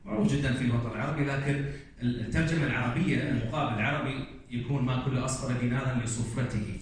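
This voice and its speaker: Presenting at an academic conference, this Kuwaiti-accented man speaks very quickly with a medium pitch and fairly even intonation, reciting example upon example as he explains. A distant mic in a big hall picks up echo and faint room noise.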